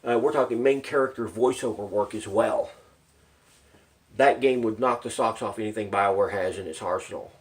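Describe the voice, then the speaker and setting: A man's voice: fairly low pitch, moderate pace. A man giving unscripted, informal vlog commentary on video games, rambling and emphatic as he shares his opinions. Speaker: video game news commentator. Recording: distant microphone.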